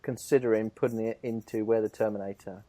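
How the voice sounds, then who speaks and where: A man's voice: lowish voice, steady tone, fast, dark tone, no echo. A man hosting a podcast in chatty, teasing casual talk, steering the conversation. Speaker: podcast host. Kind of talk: casual chat.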